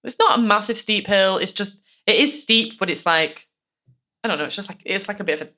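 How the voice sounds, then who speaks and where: Chatty woman with a bright voice. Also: medium pitch, fairly quick. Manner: chatty, many fillers, acts out quotes. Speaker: podcast co-host telling the case. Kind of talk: casual true-crime podcast chat.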